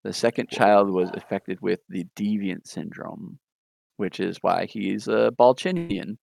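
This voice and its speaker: A man hosting a casual podcast, retelling comic book history in a relaxed way with frequent ums and small chuckles. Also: on the low side, measured pace, gravelly, dry recording. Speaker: podcast host.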